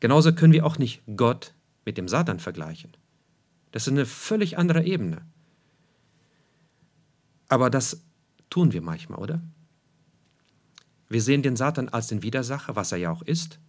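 Emphatic male preacher, lively pitch. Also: moderate pace, long pauses. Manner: emphatic, repeats key phrases for weight; rhetorical questions to the listeners. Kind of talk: sermon.

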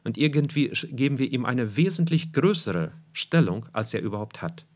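A male preacher delivering a sermon in an emphatic way. He keeps returning to key phrases and puts rhetorical questions to his listeners. His pitch swings widely between high, forceful points and low, quiet drops. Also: very animated, moderate pace.

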